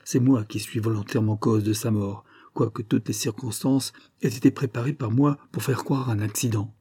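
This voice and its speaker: Man doing a tough guy giving orders in a story, firm, dark husky voice. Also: lowish voice, fairly even intonation, normal speed, no echo. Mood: commanding. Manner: firm, commanding. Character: stern male avenger holding a pistol.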